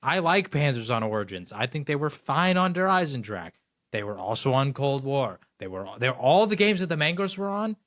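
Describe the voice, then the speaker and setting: A man's voice: medium pitch, moderate pace. Chatty man full of "like"s. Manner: animated, filler-heavy with lots of "like". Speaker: podcast co-host. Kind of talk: casual gaming podcast chat.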